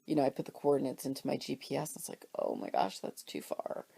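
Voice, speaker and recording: A woman with a bass voice talks fast in a flat, creaky, mellow way with a breathy edge, sounding congested and sniffly from a cold. She's a cross stitch vlogger from Pennsylvania, US, chatting casually at home in a rambling, self-deprecating show-and-tell about her stitching purchases. A camera or phone films the fabrics while she stays off screen.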